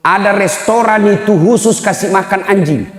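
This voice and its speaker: Brief: storytelling male preacher, Makassar accent, lively and dramatic, roomy reverb. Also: sits high, moderate pace. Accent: Makassar Indonesian. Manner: animated, acts out quoted voices. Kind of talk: humorous storytelling sermon. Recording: echoey hall with long reverb.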